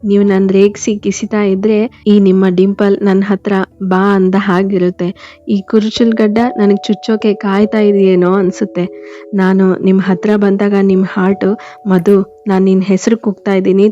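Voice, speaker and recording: A woman voicing a playful, emotional young wife who turns excitable and mock-angry. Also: mid-range voice, normal speed, natural voice. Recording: dull lo-fi, faint music behind.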